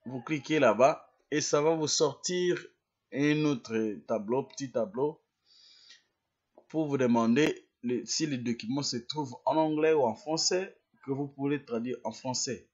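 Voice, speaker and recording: A man explaining a software tutorial step by step. He restarts and repeats words as he clicks through a screen demonstration. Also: mid-range voice, unhurried, highs cut off.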